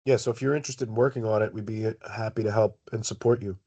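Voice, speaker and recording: A man with a relaxed, mellow voice is on a video call, explaining a project to colleagues. He talks in a measured way with halting pauses, like the person leading the meeting. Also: fairly low pitch, breathy edge. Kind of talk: explaining in an online work meeting.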